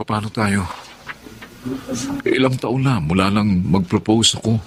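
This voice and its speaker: A man's voice: on the low side, unhurried, a little hiss or hum, close to an everyday voice. A man acting a frustrated fiancé in his thirties in a Filipino melodrama, earnest and reproachful. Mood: frustrated, insistent.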